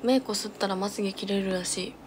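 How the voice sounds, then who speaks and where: Young female streamer, casual and absent-minded, murmuring fragments at home into a phone with clear background noise. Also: medium pitch, steady tone, quick pace. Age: young adult. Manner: absent-minded muttering in short fragments to herself and viewers. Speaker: live streamer. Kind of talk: casual livestream chat while doing makeup. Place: small room at home, indoors. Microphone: phone at arm's length.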